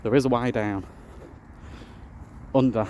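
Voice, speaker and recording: A man's voice: mid-range voice, fairly even intonation, unhurried, a little mellow, a little hiss or hum. Chatty man vlogging outdoors. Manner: chatty, wry asides. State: out of breath. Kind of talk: casual walking vlog. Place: outdoors in open fields.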